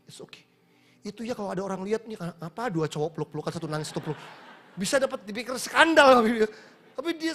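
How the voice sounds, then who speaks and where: Animated high-voiced male pastor telling a story. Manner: animated, acts out the people in his story. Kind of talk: sermon storytelling. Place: church.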